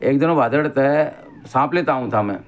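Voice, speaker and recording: A man's voice: medium pitch, normal speed. A middle-aged man with a rustic Haryanvi accent talks straight to his viewers in a loose, unscripted monologue. He rambles from one story to the next and keeps calling his listener brother as he goes. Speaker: vlogger. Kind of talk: casual spoken monologue.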